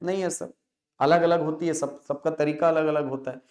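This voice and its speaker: A man teaching a classroom lecture. He asks questions, answers them himself, and repeats key words slowly to stress them. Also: a little high, fairly even intonation, darkish tone.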